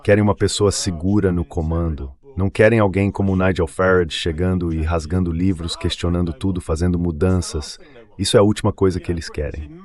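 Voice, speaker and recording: A synthetic male text-to-speech voice, low and darkish, dubs a political interview in a conversational style. It's an AI dub voice translating the interview.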